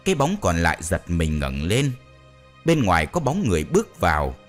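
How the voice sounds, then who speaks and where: A man's voice: huge pitch swings, moderate pace. A man narrating a ghost story in a dramatic way, with faint music behind. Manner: dramatic, swinging pitch.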